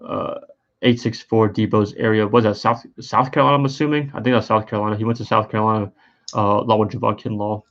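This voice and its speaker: A man's voice: lowish voice, steady tone, fast talker, a bit bright, highs cut off. A tired, yawning man giving rambling, hesitant live-stream commentary, full of fillers and restarts. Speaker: sports streamer.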